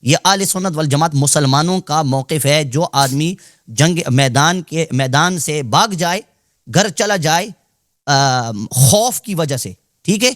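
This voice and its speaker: A man debating as a guest cleric, laying out his position deliberately and checking agreement after each point. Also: on the high side, fairly bright tone, no room sound, clean studio sound. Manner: deliberate, repeats "theek hai?" to check agreement. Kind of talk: heated live debate.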